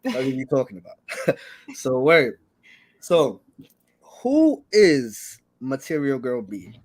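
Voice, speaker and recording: A man's voice: medium pitch, huge pitch swings, slow pace. A man hosting a show in playful, slangy, casual talk, repeating phrases for emphasis. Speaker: show host. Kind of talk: casual chat, animated storytelling.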